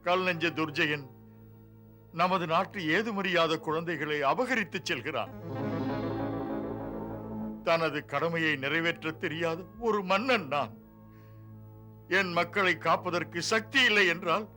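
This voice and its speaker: Sad king, bright and slow, poetic lament, soft music. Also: fairly high pitch, full character voice. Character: anguished king, grieving for his people and daughter. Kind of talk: dubbed mythological TV drama.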